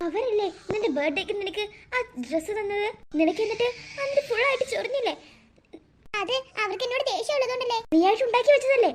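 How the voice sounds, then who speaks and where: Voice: very high voice, animated, quick pace, a little hiss or hum. A young-sounding performer voicing a worried, protective mother in a cartoon, scolding and pleading anxiously. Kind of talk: cartoon voice acting.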